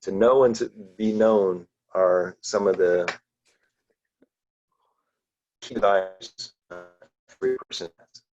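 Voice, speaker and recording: A man leads a relaxed book discussion class in a fairly low voice. He rambles, circling back with ums and false starts. The sound is dull and lo-fi. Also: a little slow. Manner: loose, rambling, many ums and restarts. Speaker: class teacher.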